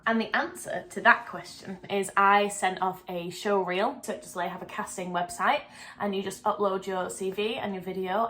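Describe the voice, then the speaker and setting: A woman's voice: lowish voice, a bit bright, poor audio. A young woman, a dancer and choreographer answering viewer questions in a chatty, upbeat vlog and laughing often. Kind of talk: casual Q&A vlog.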